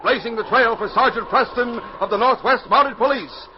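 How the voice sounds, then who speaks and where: A very high-pitched man with a North American accent delivers emphatic, dramatic narration and announcements for a 1940s radio adventure at a normal pace. The recording is muffled and hissy, typical of that era.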